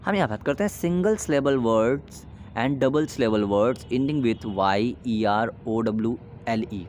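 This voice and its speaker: A man teaching an English grammar lesson, explaining in Hindi and reading English rules slowly, with an Indian accent. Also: mid-range voice, darkish tone, a little hiss or hum.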